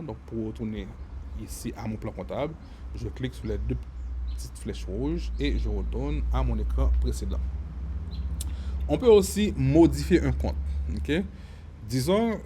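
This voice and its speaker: A man giving a screen-recorded software lesson, often repeating words and filling pauses as he explains. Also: medium pitch, a little hiss or hum. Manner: stammering repetitions, many fillers. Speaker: software tutorial instructor.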